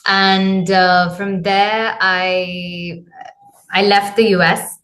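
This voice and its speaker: A woman's voice: mid-range voice, little pitch movement, very slow, a bit bright. A woman in her thirties, a coach from Zambia, answering interview questions casually with many ums and uhs. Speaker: guest, men's clarity coach.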